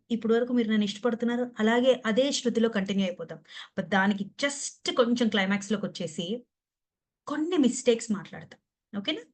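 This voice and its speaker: A woman with a Telugu accent teaching pronunciation in an online class over a video call, playful and teasing as she quizzes her students. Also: fairly high pitch. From Andhra Pradesh or Telangana, India. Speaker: English pronunciation trainer.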